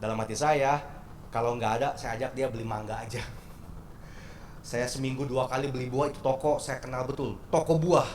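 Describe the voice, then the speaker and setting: A man preaching as a pastor in a church sermon, talking in a lively, conversational way with rhetorical questions and jokes. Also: medium pitch, a little fast, a little hiss or hum. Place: church sanctuary. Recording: echoey church hall with faint ambience.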